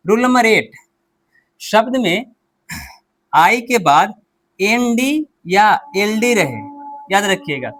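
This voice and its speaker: A man's voice: high voice, sing-song, fairly bright tone. A male English teacher giving a pronunciation lesson, repeating the rules and asking the listener questions as he goes. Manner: slow, repetitive, quizzes the listener with questions.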